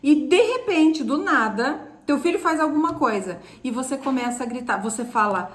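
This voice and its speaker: Emphatic high-voiced Brazilian woman mentor. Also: lively intonation, normal speed. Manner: emphatic and instructive, often addresses viewers directly. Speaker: co-host of a mentoring live stream. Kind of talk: casual mentoring talk.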